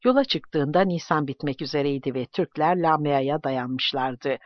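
Guy reading an audiobook, even measured pace, kinda muffled lo-fi recording. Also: fairly high pitch, no echo. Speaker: audiobook narrator. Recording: dull lo-fi, dry recording.

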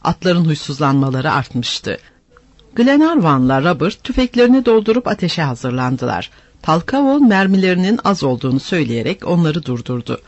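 A man narrating an adventure story aloud in an expressive, animated reading style. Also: a little high, normal speed, dry recording. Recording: dry, slightly dull lo-fi.

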